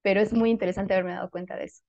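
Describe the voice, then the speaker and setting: A woman's voice: mid-range voice, steady tone, rapid-fire, dark tone, no room sound, muffled recording. A woman writer in a casual interview, speaking thoughtfully and animatedly with many fillers and self-corrections.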